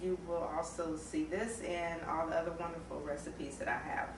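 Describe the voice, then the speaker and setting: A woman's voice: low voice, steady tone, a little hiss or hum. A woman demonstrating a recipe as a guest cook, drawing out her descriptive words one by one. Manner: slow, savoring descriptive words. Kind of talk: cooking demonstration. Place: kitchen indoors. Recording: echoey kitchen, mic far off, dishes clattering.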